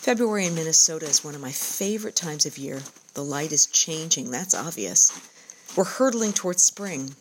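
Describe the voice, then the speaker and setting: A woman narrating her own outdoor journal in a calm, descriptive, reflective first-person way. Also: low voice, normal speed, a little hiss or hum, low-quality recording.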